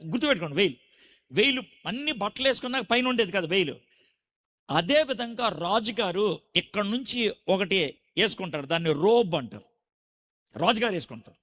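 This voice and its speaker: A middle-aged man delivers a sermon built around stories, sitting high in pitch. He acts out the scenes with animated energy and quizzes his audience as he goes.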